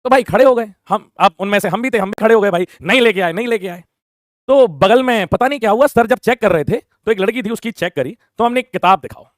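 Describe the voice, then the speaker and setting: A young man telling a school story in a casual, animated way, acting out the voices of teachers and classmates. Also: high-pitched, fast talker, hardly any pauses, no room sound, studio quality.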